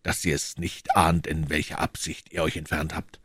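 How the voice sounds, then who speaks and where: Male reader as cold cloaked villain; deep, hushed, curt. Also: flat delivery, normal speed, husky, dry recording, clean studio sound, exaggerated voice.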